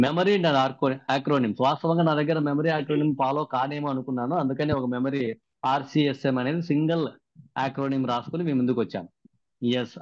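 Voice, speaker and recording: A man's voice: mid-range voice, no echo. Man quizzing trainees over a muffled call. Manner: keeps quizzing participants. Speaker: workshop trainer. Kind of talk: recap of a training session. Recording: dry, muffled video-call audio.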